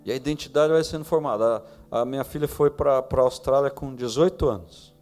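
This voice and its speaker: A man's voice: mid-range voice, brisk, darkish tone, faint music behind. A Brazilian man in his forties preaching a sermon with a Brazilian Portuguese accent, telling stories and rising to fervent emphasis.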